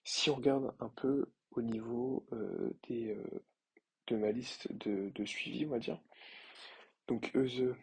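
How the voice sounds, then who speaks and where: A young man giving a casual, hesitant commentary with many pauses and fillers. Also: medium pitch, gravelly, breathy edge, poor audio. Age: young adult. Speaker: finance vlogger. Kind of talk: casual screen-share commentary.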